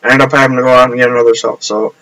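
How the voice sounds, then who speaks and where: A man's voice: medium pitch, level tone, very fast, bright, forceful tone, rough recording. A man rambling casually on a live stream from his upstairs apartment, trailing off and restarting often.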